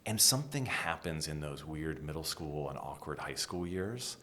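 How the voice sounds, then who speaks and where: A middle-aged American man from New England, a design executive giving an animated interview and dropping to a whisper for emphasis. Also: extremely low pitch, moderate pace. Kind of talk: conversational interview.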